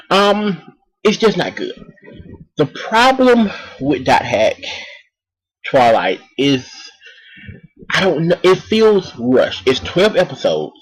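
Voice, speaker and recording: A man's voice: on the high side, husky, low-quality recording. A man casually reviewing an anime, rambling with many ums and restarts while talking around a cough drop.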